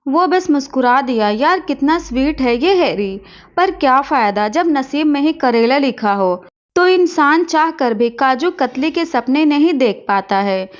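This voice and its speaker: Brief: young woman narrator, high voice, playful teasing tone, dull lo-fi recording. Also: expressive, unhurried. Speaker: storyteller. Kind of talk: first-person story narration.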